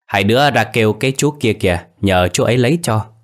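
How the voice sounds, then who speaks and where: A curt old village man gives short directions, as a low-voiced narrator puts him on. The voice stays deep and plain. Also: animated, a little fast, natural voice.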